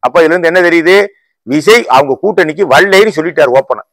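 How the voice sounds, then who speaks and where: A man, a political YouTuber, giving a heated rant to camera in a combative voice full of rapid rhetorical questions. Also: a little high, fairly bright tone, no echo, rough recording. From Tamil Nadu.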